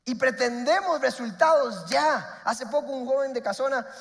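A man preaching a sermon as pastor, emphatic, repeating his points and swinging between loud and soft. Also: very high voice, animated, moderate pace, creaky, big-room sound.

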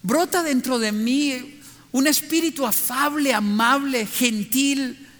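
A middle-aged man delivers an earnest, reflective sermon and turns to his listeners with direct questions. His voice sits very high and sounds bright and forceful. A long reverb trails behind each phrase. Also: slow. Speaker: preacher.

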